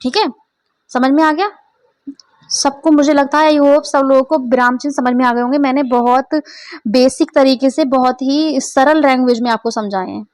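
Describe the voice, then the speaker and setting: A woman teacher walks through an exam-prep lesson one step at a time and keeps pausing to ask whether everyone follows. Her voice sits high. The recording is close and dry, with no room sound. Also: fairly even intonation, a little mellow, no room sound. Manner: explains step by step, often checks understanding.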